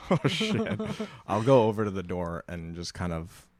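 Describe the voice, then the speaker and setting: A man's voice: sits low, lively intonation, normal speed, a little mellow, no room sound, clean studio sound. A man taking part as a player in a tabletop game, hesitant and full of fillers.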